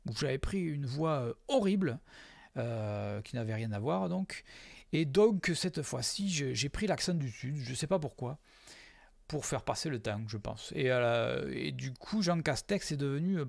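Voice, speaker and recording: A man's voice: medium pitch, creaky, dry recording, clean studio sound. A man casually commenting live on his own video, hesitant with lots of fillers and self-mocking jokes.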